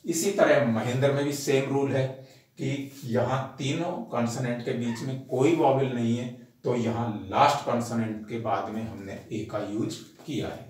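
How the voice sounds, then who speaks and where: A man with an Indian accent teaching an English spelling lesson, explaining each rule step by step and reading the English rule lines out slowly, word by word. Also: mid-range voice, darkish tone. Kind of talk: spoken grammar lesson. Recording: very echoey room.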